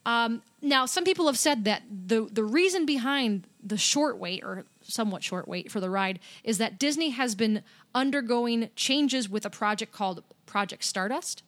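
On a relaxed podcast about theme parks, a female co-host goes through the latest news with cheerful, talkative energy. She speaks at a moderate pace in an animated, somewhat bright voice that sits on the high side.

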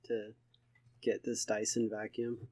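A man's voice: lowish voice, completely flat delivery, unhurried, darkish tone, no echo. A young man co-hosting a casual podcast, talking eagerly and rambling, with a lot of "like". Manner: enthusiastic, rambling with many likes. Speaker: podcast co-host.

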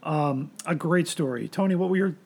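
A man hosts a casual podcast in a gravelly, husky voice that sits fairly high. He rambles and restarts his sentences often as he talks. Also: normal speed, a little mellow. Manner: rambling, hesitant, many restarts. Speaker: podcast host.

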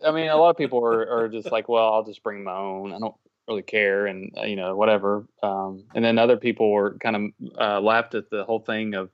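A man's voice: fairly low pitch, steady tone, fairly quick, hardly any pauses, dry recording. A man co-hosting a podcast in casual, conversational chat, on a somewhat dull recording. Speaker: podcast co-host. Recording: dull, dry lo-fi audio.

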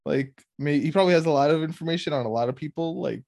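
A man's voice: on the high side, quick pace, creaky, darkish tone, no room sound, studio quality. A man co-hosting a podcast, reacting with enthusiasm to a TV episode, often saying "like" and trailing off mid-thought. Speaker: podcast co-host. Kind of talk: casual chat reacting to a TV episode.

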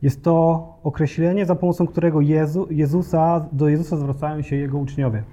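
A male preacher delivers a sermon in a church. His tone is earnest and direct, with a notably mellow, dark timbre and a slightly raised pitch. He pauses now and then with small hesitations. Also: fairly even intonation, dull audio. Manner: earnest, addresses the congregation directly, occasional hesitation fillers.

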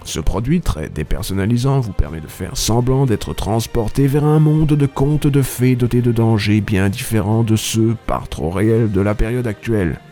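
Game critic narrator, man, dry ironic delivery, dark mellow tone. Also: lowish voice, moderate pace, hardly any pauses, soft background music. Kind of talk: scripted review narration.

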